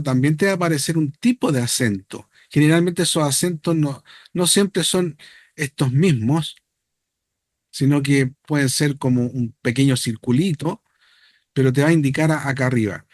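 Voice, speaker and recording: A man's voice: on the high side, normal speed, darkish tone, no room sound, clean studio sound. A man teaching a Hebrew class, explaining step by step and checking that students follow.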